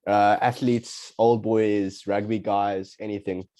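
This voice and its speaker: A man's voice: fairly low pitch, level tone, slow, dark tone. A young South African man hosting a podcast in a casual, chatty style. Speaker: podcast host. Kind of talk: casual chat.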